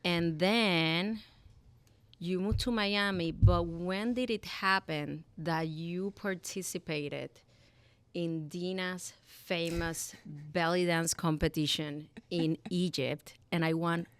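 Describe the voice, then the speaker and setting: This woman's voice is lowish, clear and resonant, and she speaks slowly in a steady tone as she hosts a live podcast. Through a live event microphone with no echo, she introduces her guest and invites her to share her story.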